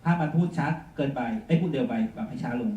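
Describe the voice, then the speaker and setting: A male teacher giving a chatty software demonstration lesson, full of polite particles. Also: mid-range voice, fast talker. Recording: echoey room, mic far off, faint noise.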